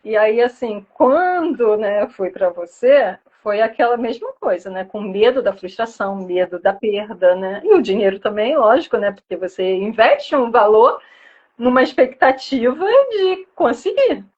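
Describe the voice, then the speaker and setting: Husky-voiced Brazilian woman, halting testimony. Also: a little high, animated, darkish tone, dull audio. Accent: Brazilian Portuguese. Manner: halting, repeats words, tearful at times. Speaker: weight-loss client. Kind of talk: emotional personal testimony.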